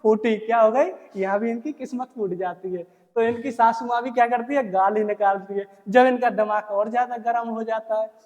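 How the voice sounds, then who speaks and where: A teacher tells a story as a lesson, constantly asking the class quick questions and answering them. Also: medium pitch, fairly even intonation, a little mellow, long reverb tail, lo-fi sound.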